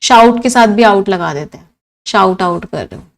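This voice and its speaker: A woman's voice: mid-range voice, expressive, normal speed, gravelly. A woman teaching English vocabulary for exams, asking questions and then answering them herself, repeating each meaning. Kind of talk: exam-prep vocabulary lesson in Hindi-English mix.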